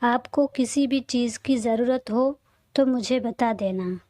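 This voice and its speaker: A woman's voice: fairly high pitch, slow, darkish tone, dry recording, studio quality. A woman reading a cheeky young sister. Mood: pleading.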